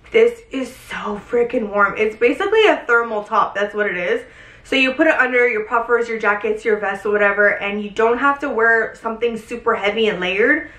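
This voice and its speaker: A woman's voice: mid-range voice, bright, forceful tone, roomy sound, poor audio. A young woman chatting effusively to her viewers in a casual haul vlog, filmed in her bedroom. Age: young adult. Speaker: fashion vlogger. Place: bedroom, indoors. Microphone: camera at a short distance.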